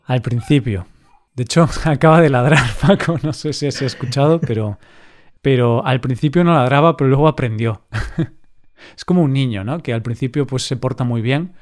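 A man from co-hosts a relaxed podcast chat for learners. He talks slowly and clearly in a playful tone and laughs easily. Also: mid-range voice. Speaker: podcast co-host. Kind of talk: casual chat for language learners.

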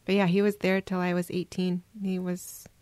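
A woman from Minnesota, a guest on an interview podcast, telling her personal story in a reflective, soft-spoken way. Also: lowish voice, completely flat delivery, moderate pace, smooth, no room sound. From Minnesota, USA. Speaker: guest adoptee.

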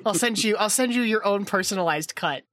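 A woman with a mid-range, slightly bright voice speaks at a moderate pace with no room sound, recorded on a home podcast mic. She is the podcast's co-host and editor, rambling in casual chat, saying "like" a lot and laughing often.

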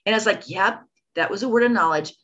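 A woman's voice: mid-range voice, fairly quick, fairly bright tone, rough recording. A woman co-host speaking in an earnest, affirming way about faith. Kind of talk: conversational ministry talk.

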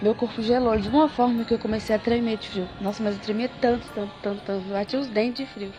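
A woman tells a personal story in a loose, casual way, piling on slang and repeating words for emphasis. Her voice sits a little high. Music plays clearly under her. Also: steady tone, fast talker.

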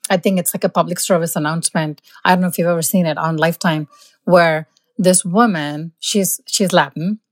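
Woman doctor, kinda low voice, fired-up storytelling, casual chat. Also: fairly even intonation, fairly quick. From born in India, raised in the US. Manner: emphatic, indignant storytelling. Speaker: physician guest. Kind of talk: casual conversation, telling anecdotes.

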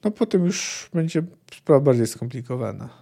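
A man hosting a book podcast, reading passages and commenting in a relaxed, hesitant way. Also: medium pitch, moderate pace, gravelly. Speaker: podcast host discussing a book. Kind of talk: book discussion with read-aloud quotes.

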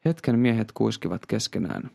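Man, storybook narration, calm, patient, low voice, gravelly.

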